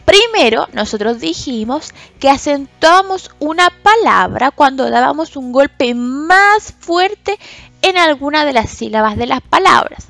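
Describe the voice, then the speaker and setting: A woman teaching a recorded lesson to children, speaking slowly and patiently and stretching out example words with loud stress on syllables. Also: high voice, lively intonation, gravelly, dry recording, faint music behind. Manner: slow, patient, stresses syllables loudly and drawn out when giving example words. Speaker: special education teacher.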